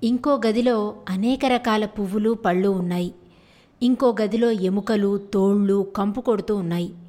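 A woman storyteller reading a children's fairy tale aloud in a steady, unhurried way. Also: medium pitch.

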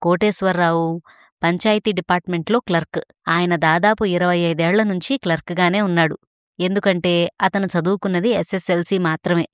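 A woman narrates a story in a steady, expressive reading voice. Her pitch sits on the low side and the sound is dry and close, with no room around it. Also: clear, resonant tone, no room sound.

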